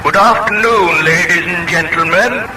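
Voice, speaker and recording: A formal, measured grey-haired gentleman makes an announcement in a raised voice, as a man reading a storybook puts him on. He sounds distant from the mic, with loud noise behind. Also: high voice, pitched above the performer's own voice.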